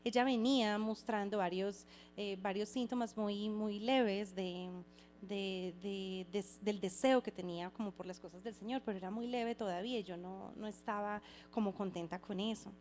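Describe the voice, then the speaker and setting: A woman giving a heartfelt personal faith testimony, reflective and halting, often restarting her phrases. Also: medium pitch, fairly even intonation, darkish tone, slight background noise. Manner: earnest and heartfelt.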